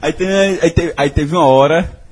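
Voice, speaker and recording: A man's voice: fairly high pitch, moderate pace, heavy background noise. A young man telling a funny personal story on a podcast, laughing often and swearing freely. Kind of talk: casual chat.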